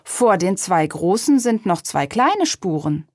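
A woman's voice: medium pitch, sing-song, slow, darkish tone, dry recording, clean studio sound. A woman voicing a curious young girl, one of twins, in a storybook reading, talking in an eager, wondering way.

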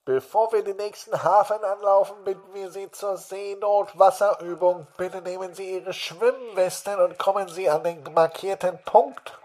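A storybook narrator voicing a formal male announcer speaking over a loudspeaker. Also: high voice, steady tone, moderate pace, voice pushed up, poor audio. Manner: stiff, formal announcer phrasing.

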